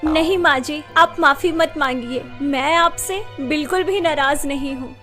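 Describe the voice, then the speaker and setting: A woman's voice: very high-pitched, measured pace, sharp tone, faint music behind, full character voice. A woman voicing a young widowed daughter-in-law in a cartoon story, speaking emotionally. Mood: gentle. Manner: emotional, pleading. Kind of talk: Hindi cartoon dubbing.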